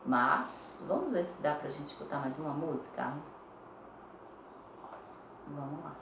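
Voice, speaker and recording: Her voice is low and gravelly, heard through a phone in an echoey room with background noise. A teacher with a Brazilian Portuguese accent, she leads young pupils through a lesson slowly, breaking words into syllables and checking in often.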